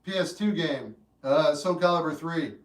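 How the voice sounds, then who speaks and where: A man's voice: fairly high pitch, moderate pace. Man in his fifties, echoey livestream. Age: 50s. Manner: relaxed, rambling, earnest when giving advice. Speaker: livestream host. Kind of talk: casual chat answering live chat. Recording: roomy echo, mic at a distance, faint guitar music.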